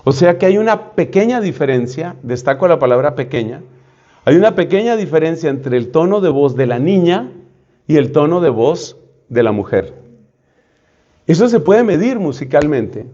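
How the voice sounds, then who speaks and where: A man's voice: a little high, darkish tone. A man, a priest, giving a conversational, humorous retreat teaching. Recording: dull lo-fi sound.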